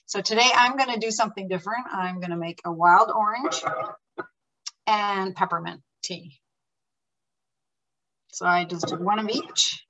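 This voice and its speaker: An older woman talks in a relaxed, easygoing way about a drink she makes at home. She speaks into a laptop webcam on a video call from her kitchen. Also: mid-range voice, measured pace, pauses often, poor audio. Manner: relaxed, easygoing, laughs lightly. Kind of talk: casual video call chat.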